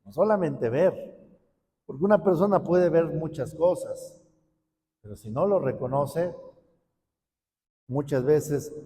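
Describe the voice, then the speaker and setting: A man's voice: on the high side, dark tone, slight background noise. A man, a priest giving a conversational Sunday homily who acts out parishioners' thoughts in little voices. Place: parish church. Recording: reverberant church hall with faint ambience.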